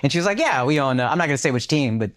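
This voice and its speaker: A man's voice: medium pitch, very fast. Guy telling a story on a podcast, swears a lot, does the voices of people he met. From United States. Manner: animated storyteller, swears freely, acts out quotes. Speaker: podcast co-host. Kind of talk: casual podcast chat.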